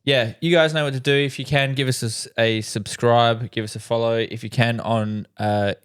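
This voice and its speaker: A man's voice: mid-range voice, steady tone, normal speed, a bit bright, clean tone. A man co-hosting a podcast in casual chat, laid-back and laughing easily, swearing often. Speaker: podcast co-host.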